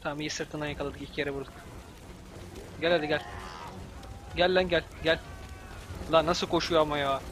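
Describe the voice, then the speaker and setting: Excitable young man yelling at a game. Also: fairly high pitch, moderate pace, pauses often, background noise. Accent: Turkish. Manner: yelling and cursing at the game, exasperated. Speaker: gameplay commentator. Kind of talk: let's-play commentary.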